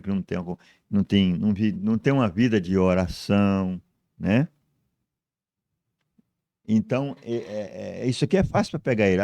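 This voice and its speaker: A man's voice: on the low side, mellow, no room sound. A male pastor hosting a church talk show, explaining in a teacherly way with many hesitant restarts. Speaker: pastor and host. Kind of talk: preaching-style talk show chat.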